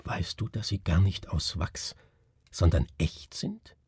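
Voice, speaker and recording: A man voicing a curious gentleman who muses in wonder over a strange find. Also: deep voice, slow pace, slightly rough, no room sound, heavily acted. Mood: puzzled. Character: curious scholarly gentleman, astonished.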